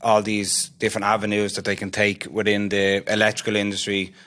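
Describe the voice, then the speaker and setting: A man's voice: lowish voice, monotone, fairly quick, fairly bright tone. A man co-hosting an interview podcast who talks steadily and agrees with his guests. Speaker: podcast co-host.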